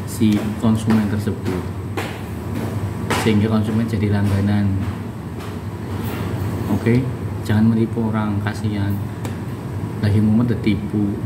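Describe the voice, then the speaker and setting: A man in his thirties with a Javanese accent, chatting and preaching through a casual unboxing vlog, filmed on a phone at arm's length in a small room. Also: on the low side. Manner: chatty, preachy asides, laughs often. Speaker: vlogger. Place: small indoor room with bare walls. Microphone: phone camera at arm's length. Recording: echoey room, distant mic, background noise.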